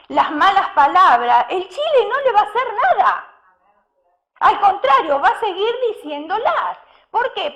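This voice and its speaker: A woman's voice: very high voice, a bit bright. A woman preacher giving a sermon, telling stories and putting questions to her congregation. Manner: storytelling with rhetorical questions to the congregation. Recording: dull lo-fi sound.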